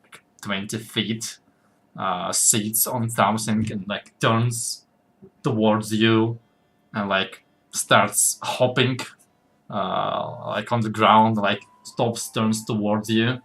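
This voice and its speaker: A young man narrating a tabletop game as game master, halting and full of fillers. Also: lowish voice, steady tone, fairly bright tone.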